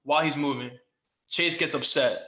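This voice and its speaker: A young man co-hosting a podcast, telling a baseball story in casual chat and loudly acting out the quotes. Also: a little high, normal speed. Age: young adult. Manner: animated, acts out quotes loudly. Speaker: podcast co-host, former baseball player. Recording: echoey room.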